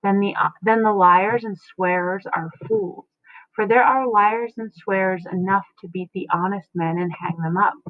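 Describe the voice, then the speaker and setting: A woman reading the lines of a witty young boy who asks quick, cheeky questions. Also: medium pitch, no room sound, natural voice. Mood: questioning. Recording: tinny phone-like dry sound.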